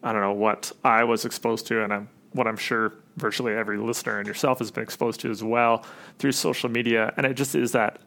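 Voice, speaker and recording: A podcast guest, a man who heads an agency, talks through his ideas in a casual, reflective way. His voice has a gravelly rasp, and he relies on plenty of "like" and "you know.". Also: medium pitch, level tone, fairly quick, a bit bright. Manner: casual, reflective, many fillers. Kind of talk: interview answers.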